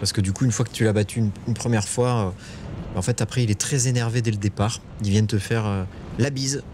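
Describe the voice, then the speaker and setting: Chatty low-voiced male streamer. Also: fairly even intonation, brisk, background noise. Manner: chatty, swears when frustrated. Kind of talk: live gameplay commentary. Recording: game music playing behind.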